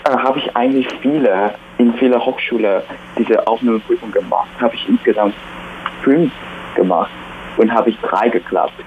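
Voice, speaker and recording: Young man speaking haltingly on a phone line. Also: medium pitch, slight background noise. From Taiwan. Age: young adult. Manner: halting non-native speech, many pauses. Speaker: music student. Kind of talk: phone interview.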